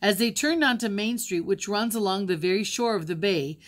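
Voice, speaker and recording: Older woman reading a story aloud. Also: mid-range voice. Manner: plain, pauses to explain pictures. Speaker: storybook reader.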